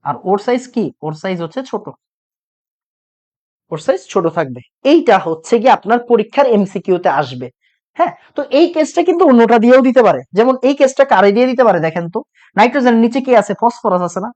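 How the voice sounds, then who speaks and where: Very animated and fast, with an extremely high but slightly mellow voice, a young man runs an online chemistry class. Loud talking has left him with a sore throat, yet he keeps repeating each point and testing his students with questions.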